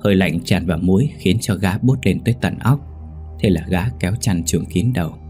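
A man narrating a ghost story in a measured, suspenseful manner. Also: low voice, mellow, soft background music. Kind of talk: scripted horror story narration.

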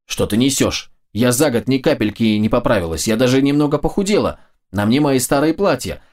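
A man voicing a touchy, sharp-tongued young woman in a storybook reading. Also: medium pitch, expressive, a little fast, natural voice. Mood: indignant.

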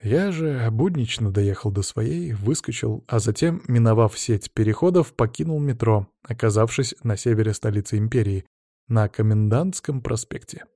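A man narrating an audiobook in first person, in a steady, matter-of-fact way. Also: on the low side, moderate pace, no echo, studio quality.

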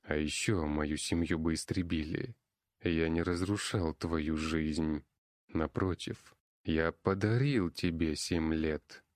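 A man voicing a cold, scheming noble elf lord who speaks slowly and calmly to persuade. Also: very deep voice, no echo, studio quality. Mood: coldly persuasive. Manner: slow, calm, persuasive.

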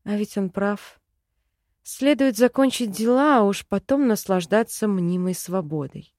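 A woman's voice: mid-range voice, measured pace, darkish tone, dry recording, clean studio sound. A woman narrating a first-person novel in an emotive storytelling manner. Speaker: audiobook narrator.

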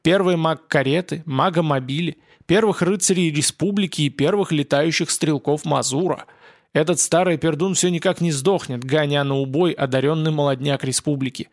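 Gravelly, blunt, commanding veteran priest in his fifties, voiced by the man who narrates, dry close sound. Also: a little high, moderate pace, no echo, close to an everyday voice. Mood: grim. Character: gruff older male priest, war veteran.

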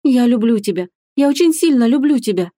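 A woman's voice: fairly high pitch, animated, fairly quick, dark tone, no room sound, pitched above the performer's own voice. Eager young bride in a romance audiobook, voiced by the female narrator, lifted and emotional. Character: young woman, anxious then joyful bride.

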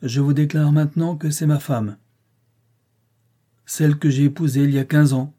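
A man voicing a proud, brooding nobleman with a forceful, impassioned delivery in an audiobook reading. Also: a little high, level tone, normal speed, breathy edge, pitched above the performer's own voice. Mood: bitter. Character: brooding proud older nobleman, bitter and defiant.

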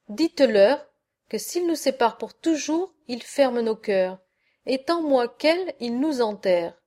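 A lovesick young peasant man, poor and impassioned, pleading with his father, read by a woman. The voice is fairly high. It is a storybook figure read aloud. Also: darkish tone. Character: passionate young poor basket-weaver, lovesick.

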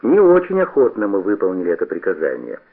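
Husky male reader on an old radio. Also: low voice, quick pace. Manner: expressive storytelling. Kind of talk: scripted narration. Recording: tinny old radio broadcast.

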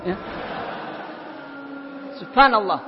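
A man's voice: sits high, very slow, a little hiss or hum. A man giving an Islamic sermon, telling stories and acting out the people in them. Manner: animated storytelling with voiced quotes. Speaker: ustadz. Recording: dull lo-fi hall recording.

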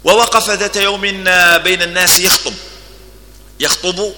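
A man's voice: sits high, fairly even intonation, moderate pace, pushed and bright, long reverb tail. A man with an Algerian accent giving a religious lesson, telling stories and moving between formal Arabic and dialect. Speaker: preacher.

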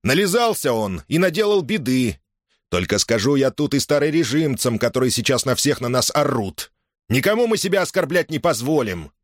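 A man reading an audiobook, voicing a village leader who makes a firm, measured appeal to the crowd. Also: mid-range voice, very animated, dry recording, studio quality, pitched above the performer's own voice.

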